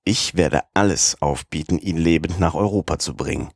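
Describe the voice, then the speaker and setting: A determined, scheming police agent, read by a male narrator in a storybook. He speaks firmly and persuasively. The voice is low, the sound close and dry. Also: normal speed, dry recording. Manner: firm, persuasive.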